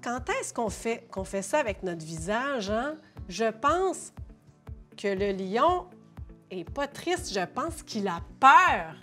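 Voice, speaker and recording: A middle-aged woman with a Québécois French accent, an educator reading a picture book aloud in a lively, playful way and explaining it to parents. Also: on the high side, slow pace, faint music behind. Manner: animated, playful read-aloud with sound effects. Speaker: early childhood educator.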